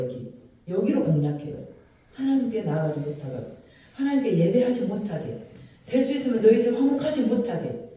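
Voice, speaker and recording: A man's voice: high-pitched, dark tone. A male pastor preaching a sermon in a church worship hall, emphatic and colloquial, with frequent rhetorical questions. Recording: echoey hall from far off.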